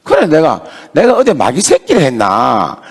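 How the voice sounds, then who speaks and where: At a church revival meeting, a male pastor with a Gyeongsang Korean accent preaches through a story, acting out dialogue emphatically, and the hall's sound is reverberant. His voice is fairly high and slightly rough, swinging hugely in pitch at normal speed.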